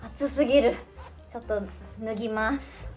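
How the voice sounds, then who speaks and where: A woman's voice: fairly high pitch, steady tone, measured pace, darkish tone, soft background music. A woman in her twenties, an online language teacher, chatting casually through her day in a vlog, thinking aloud and stretching out her words. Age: 20s.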